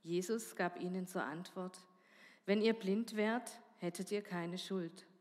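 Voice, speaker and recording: A woman reading a Bible passage aloud in church, measured and giving each speaker's lines some voice. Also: lowish voice, a little mellow. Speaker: scripture reader. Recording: church hall reverb.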